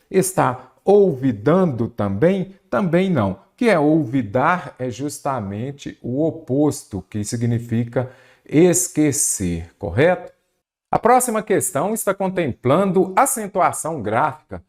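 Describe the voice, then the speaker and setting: A man with a Brazilian Portuguese accent teaching an exam-prep grammar lesson, quizzing the listener with rhetorical questions. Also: on the high side.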